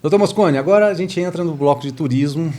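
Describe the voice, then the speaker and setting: A man's voice: a little high, fast talker, mellow. A man from Brazil, hosting a talk show in a chatty, enthusiastic way, with lots of rambling and tag questions. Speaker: host.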